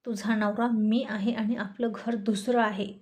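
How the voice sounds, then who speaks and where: Furious hot-tempered young husband, as a woman narrator puts him on, scolding, fairly high voice, mellow tone, storybook drama. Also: level tone, unhurried, close to an everyday voice. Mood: angry. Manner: shouting, scolding.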